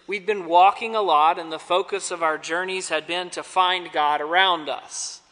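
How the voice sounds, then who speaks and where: A man's voice: high-pitched, normal speed. A man preaching a sermon in church, telling a story and leading the congregation in call-and-response. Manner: expressive, calls out names and lines for the congregation. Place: church sanctuary. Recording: long church reverb.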